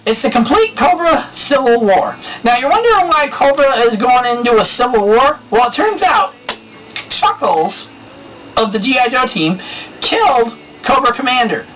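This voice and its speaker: A man hosting his own review show in a casual vlog style, excitable and chatty, laughing often as he talks. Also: extremely high pitch, normal speed. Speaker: show host reviewing comics and movies. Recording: distant mic with faint background noise.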